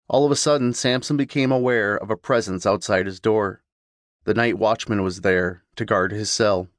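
A man reading a horror audiobook as narrator, in measured, even storytelling. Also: on the low side, no room sound, studio quality.

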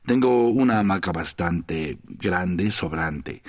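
A man's voice: low-pitched, lively intonation, takes it slowly, heavily acted. A man voicing a weary, lonely middle-aged foreigner in an audiobook, talking in a rambling, sighing, pleading way. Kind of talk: audiobook character voice.

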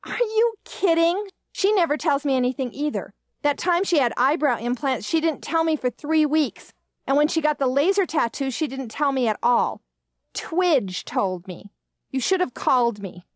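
A woman voicing an indignant, excitable grown daughter who complains loudly in a storybook reading. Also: sits high, moderate pace, no echo, clean studio sound, voice pushed up. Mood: outraged. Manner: outraged, complaining.

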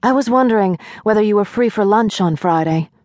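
A woman narrator voicing a poised, cultured suburban woman who speaks low and refined. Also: fairly quick, darkish tone, no echo, clean studio sound, close to an everyday voice. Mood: polite.

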